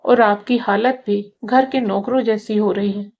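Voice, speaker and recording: A woman voicing a kind young daughter-in-law who speaks gently and reassuringly in a storybook tale. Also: medium pitch, fairly even intonation, unhurried, dull audio. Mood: caring.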